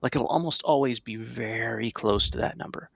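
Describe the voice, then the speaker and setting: In a breathy, fry-tinged mid-range voice at a moderate pace, a middle-aged podcast co-host explains things conversationally, frequently adding "right?". There's no echo, but the audio sounds dull.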